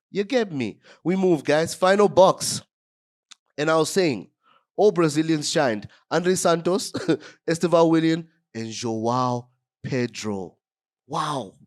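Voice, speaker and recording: A man hosting a casual fan match review, excitable and talking straight to his viewers, his voice groggy from a cold. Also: mid-range voice. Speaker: football fan channel host.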